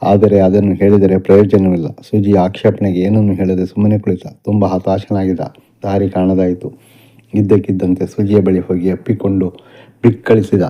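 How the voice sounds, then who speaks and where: Brief: male narrator, deep monotone delivery, dull recording. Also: moderate pace. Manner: steady, even reading. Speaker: audiobook narrator. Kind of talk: scripted narration of an audio novel.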